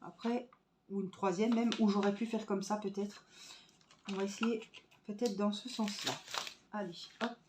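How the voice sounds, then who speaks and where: A woman's voice: medium pitch, steady tone, normal speed, long pauses. A woman in the middle of her register chats with viewers while she works at a craft table at home. She thinks aloud with plenty of fillers and recorded her voice on a phone camera. A faint background hiss runs under her speech. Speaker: crafts vlogger. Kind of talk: casual tutorial chat while crafting. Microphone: phone camera on a stand.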